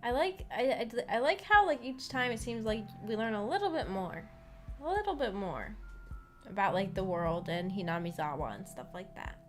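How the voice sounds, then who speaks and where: Her mid-range voice has a sing-song quality at a normal pace as she hosts a laid-back visual novel book club stream. Background music plays while she reads comments aloud and responds hesitantly, rambling and often trailing off.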